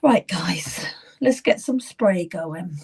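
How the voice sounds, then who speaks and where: Still a bit croaky, this middle-aged woman runs a live psychic reading and greets viewers by name in a gentle way, occasionally sinking into a whisper. Her pitch is fairly low, her delivery animated, and she takes her time.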